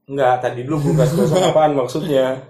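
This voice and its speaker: A man's voice: a little high, brisk, warm tone. A man with a Jakarta accent bantering casually with friends in coarse, teasing Jakarta slang. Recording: echoey, roomy sound.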